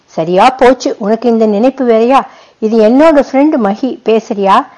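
A woman voicing a wistful young man who answers his old friend quietly. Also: fairly high pitch, a little slow, close to an everyday voice, rough recording.

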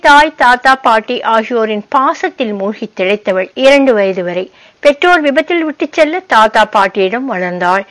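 A woman narrates a short story in a calm, measured way. Her voice sits a little high. She keeps the pace of a reader telling a tale. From United States (Boston). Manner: calm, measured storytelling, voicing the characters' lines.

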